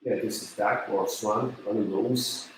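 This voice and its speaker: A man with a Japanese accent giving an online university lecture in English, halting and full of fillers as he searches for words. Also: on the low side, fairly even intonation, roomy sound, a little hiss or hum, low-quality recording. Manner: hesitant, many fillers and restarts.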